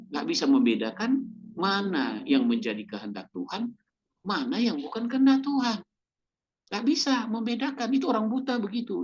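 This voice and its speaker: A male pastor delivers a sermon in a husky voice that rises and falls in animated swings. He keeps checking in with the congregation and briefly acts out quoted lines. The recording sounds dull and muffled. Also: high-pitched.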